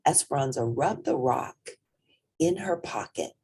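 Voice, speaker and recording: Here a storybook reader with a rumbling low voice reads a picture book a little slowly. She is dramatic and animated, her husky, breathy tone dropping to whispers as she lingers over chosen words.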